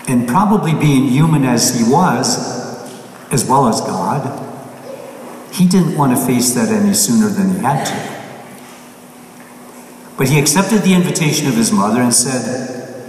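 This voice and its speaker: Man preaching in cathedral echo. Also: medium pitch. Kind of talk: Gospel reading and informal sermon. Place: large echoing church. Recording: cathedral-like echo, distant mic, faint hiss.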